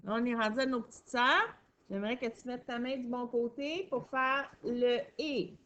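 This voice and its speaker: A woman teacher, guiding young children through a phonics lesson with clear questions and praise. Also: fairly high pitch, moderate pace, a bit bright.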